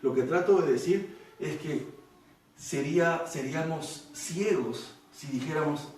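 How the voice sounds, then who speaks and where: Unhurried and somewhat high-pitched, a man delivers a Bible study sermon, walking through verses and peppering his listeners with rhetorical questions. His voice comes from a distance in an echoey room, with a little hiss or hum.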